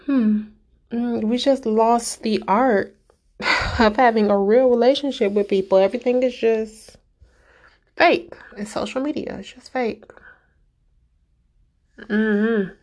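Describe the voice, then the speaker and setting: A woman's voice: a little high, takes it slowly, pauses often, darkish tone. A woman vlogger giving a casual, emphatic rant straight to her viewers, exasperated and direct.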